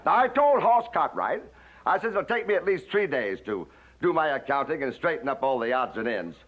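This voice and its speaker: A middle-aged actor playing a scheming, theatrical uncle who dodges with stammers and then speechifies grandly, in 1960s TV western acting. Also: male voice, on the high side, very animated, a little fast. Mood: grandiose. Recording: dull vintage TV soundtrack with music.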